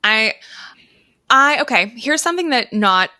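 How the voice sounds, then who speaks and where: On a podcast, a woman who writes about travel animatedly recounts stories, informal and emphatic, voicing the people she quotes. She speaks at a measured pace in a bright, forceful, high-leaning and expressive voice. The sound is clean studio audio with no room sound.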